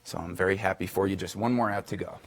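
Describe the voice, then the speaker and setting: A man's voice: deep voice, steady tone, quick pace. Upbeat male sports reporter. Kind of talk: scripted news sports segment.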